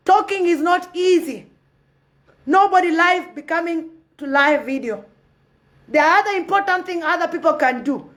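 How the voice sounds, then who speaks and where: A woman from Sudan, giving passionate, preachy commentary on a live phone video and repeating her points. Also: very high-pitched. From South Sudan. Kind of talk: impassioned live-stream commentary.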